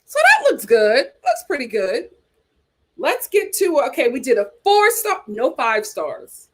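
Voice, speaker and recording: An American woman with a high voice hosts a reality TV chat show in a casual way, reading aloud and commenting at a measured pace. Her pitch rises and falls in a lively way, and she slips in playful, teasing asides.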